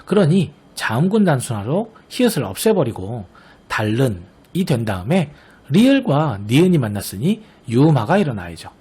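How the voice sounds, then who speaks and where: A man teaching an online grammar lesson. He explains patiently, sounds out example words slowly, and often checks that the class is following. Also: medium pitch, darkish tone, husky. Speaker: Korean language teacher.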